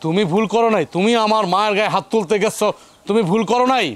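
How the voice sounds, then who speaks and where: A man's voice: sits high, very fast, dry recording, natural voice. An actor playing an angry young husband who scolds his sister-in-law, with a colloquial Bangladeshi Bengali accent. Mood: indignant. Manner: indignant, scolding. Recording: with faint background music.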